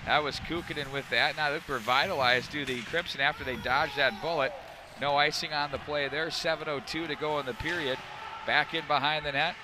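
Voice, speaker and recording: A man doing live hockey play-by-play, making rapid calls that rise sharply on scoring chances. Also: on the high side, fairly even intonation, noisy background. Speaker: play-by-play announcer. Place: outdoor rink broadcast.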